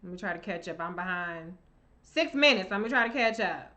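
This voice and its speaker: A woman's voice: fairly low pitch, expressive, brisk, sharp tone. A woman hosting a live Q&A, reading viewer comments and answering in a blunt, chatty, profane way. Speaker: livestream host.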